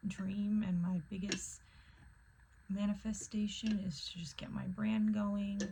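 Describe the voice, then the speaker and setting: A woman chatting casually to camera in a soft, often whispery voice, with many fillers. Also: mid-range voice, creaky, background noise. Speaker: vlogger. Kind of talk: casual chat.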